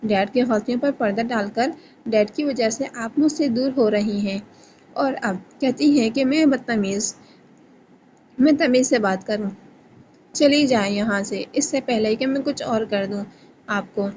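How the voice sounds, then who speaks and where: A woman's voice: a little high, muffled recording, noisy background, lightly acted. A woman reading the lines of a bitter, angry young male boss in a romance novel reading. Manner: sharp and scornful.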